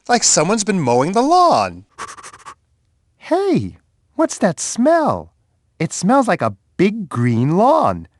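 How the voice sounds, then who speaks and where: A man voicing a big, friendly, gentle bear in a children's game, full of curiosity and childlike wonder, with an expressive sing-song way of talking to young kids. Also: fairly high pitch, dry recording, clean studio sound, heavily acted. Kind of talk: children's edutainment game voice lines.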